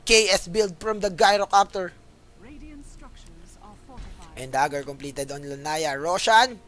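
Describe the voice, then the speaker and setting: Filipino male esports caster, high-pitched, animated play-by-play, bright edge. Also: takes it slowly. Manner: animated, mixes Tagalog and English, keeps calling out to viewers. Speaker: esports commentator. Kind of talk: live esports play-by-play commentary.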